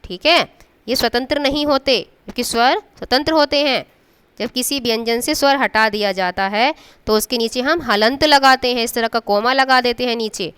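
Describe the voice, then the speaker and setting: Woman teacher, a bit high and very clear voice, patient, stretches sounds slowly and keeps checking in with the class. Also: a bit bright. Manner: patient, draws out sounds to demonstrate them. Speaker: school teacher. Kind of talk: classroom Hindi grammar lesson.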